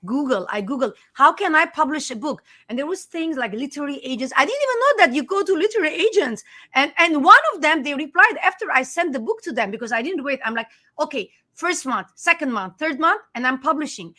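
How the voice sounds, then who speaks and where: An Armenian-first-language author and life coach talks in a conversational interview, earnest and emphatic, with frequent restarts. Her high-pitched voice is pushed and bright, with lively intonation and a fairly quick pace.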